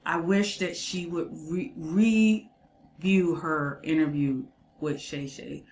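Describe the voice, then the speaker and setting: A woman's voice: on the low side, reverberant, a little hiss or hum, rough recording. A woman giving casual commentary on a clip, chatty, quizzing the viewer and listing traits.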